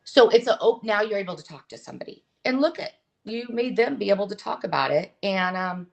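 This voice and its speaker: A middle-aged woman, a guest in an interview, talking openly and earnestly, often pausing and restarting her sentences. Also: medium pitch, animated, gravelly, low-quality recording. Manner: earnest, open, halting with restarts. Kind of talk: candid conversational interview.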